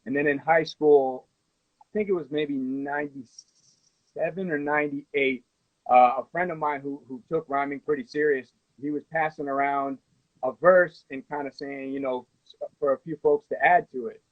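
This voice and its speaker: A man in his late thirties from the United States, a musician talking through his life story in a relaxed, rambling way, on a phone during a live video call. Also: fairly high pitch, moderate pace, dry recording. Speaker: guest musician. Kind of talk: casual interview chat. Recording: tinny phone-line audio, dry.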